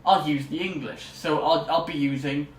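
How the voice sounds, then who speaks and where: Fairly high-pitched with fairly even intonation, a young adult student speaks at normal speed in a casual, enthusiastic, rambling vlog to camera. It's captured on a distant mic with roomy echo and faint noise.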